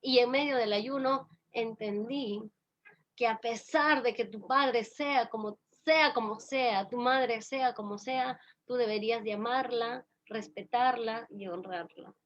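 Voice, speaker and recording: A woman's voice: a little high, fairly bright tone, muffled recording. A woman with a Peruvian accent giving an earnest religious personal testimony, repeating phrases for emphasis. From Peru.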